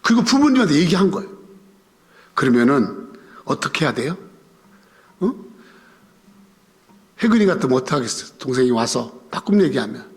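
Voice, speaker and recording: A male pastor giving a Sunday sermon, animated, often firing rhetorical questions at the congregation. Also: fairly high pitch, brisk, long pauses. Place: church sanctuary. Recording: reverberant church sanctuary.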